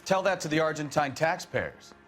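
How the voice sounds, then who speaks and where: A man's voice: on the high side, animated, moderate pace, a bit bright, soft background music. A man with an American accent playing a tough cop, a wry, sarcastic detective partner in a crime drama video game. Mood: sardonic.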